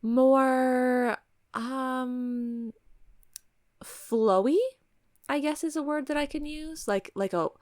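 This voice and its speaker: A woman hosting a podcast in casual chat, halting as she carefully picks her words and talks around them. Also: sits high, no room sound, clean studio sound. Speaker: podcast host. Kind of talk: casual podcast chat during a word game.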